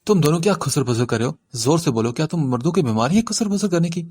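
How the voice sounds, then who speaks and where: A man's voice: expressive, darkish tone, husky. A man reading an audiobook voices a tearful, hot-tempered young woman who cries one moment and threatens the next. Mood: tearful, bossy. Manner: sobbing complaints turning to shrill threats.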